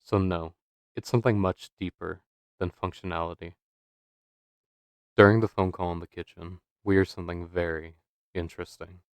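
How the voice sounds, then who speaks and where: A man giving scripted narration for a video essay, measured and dramatic, posing rhetorical questions. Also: low voice, little pitch movement, clear, resonant tone, no echo.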